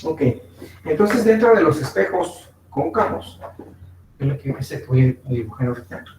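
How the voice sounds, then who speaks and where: A man's voice: fairly high pitch, lively intonation, normal speed. A man teaching a physics class, explaining step by step with frequent fillers and checking in with his students, with a Mexican Spanish accent. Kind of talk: online class lecture. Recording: echoey room, distant mic, faint noise.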